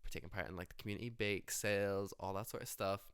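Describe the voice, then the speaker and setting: A young Irish man talks through an interview in a loose, jokey way, leaning on "like" constantly. His voice sits low and comes across smooth and clear. The sound is dry and close. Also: fairly even intonation, quick pace, fairly bright tone, dry recording. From Ireland. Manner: chatty, jokey, heavy use of "like". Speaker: musician and music teacher. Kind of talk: casual interview chat.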